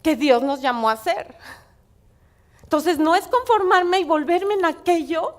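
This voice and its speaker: High-pitched woman preaching. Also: unhurried. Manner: expressive, swings between hushed and loud. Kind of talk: sermon with personal stories.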